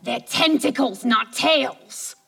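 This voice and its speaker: Woman as a high, bright pedantic oddball sidekick. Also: slow pace, vocal fry, husky, exaggerated voice. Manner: pedantic, literal, reciting. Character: pedantic malfunctioning woman sidekick, rattling off film trivia. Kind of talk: audio comedy acting.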